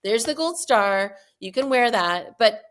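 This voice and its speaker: A woman hosting an interview in casual chat, agreeable and chatty, with quick asides. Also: fairly high pitch, lively intonation, clear, resonant tone. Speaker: podcast host.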